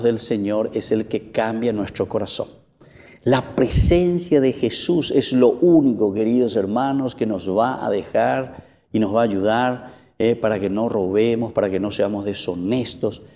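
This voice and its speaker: A man's voice: lowish voice, dark tone. A man with a Paraguayan accent, a priest giving an emphatic sermon that rises to exclamations. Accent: Paraguayan Spanish. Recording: long church reverb.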